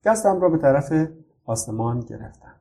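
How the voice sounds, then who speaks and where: A man from Iran, a children's author, gently reading his own storybook aloud. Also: fairly high pitch, big pitch swings, creaky.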